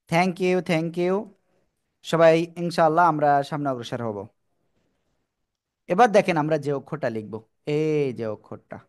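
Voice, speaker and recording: Bengali man teaching an online class. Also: mid-range voice. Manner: encouraging, repeats instructions. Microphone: video call.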